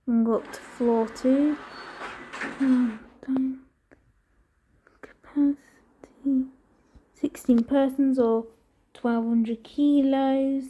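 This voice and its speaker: A woman's voice: high-pitched, fairly even intonation, very slow, pauses often, warm tone, husky, dull audio. A woman giving a casual running commentary in clipped, fragmentary remarks as a tour presenter.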